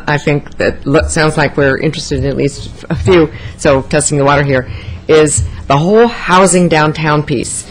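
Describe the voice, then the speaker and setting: A man chairing a city meeting, pausing and repeating words as he steers the discussion into a table microphone. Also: on the high side, poor audio.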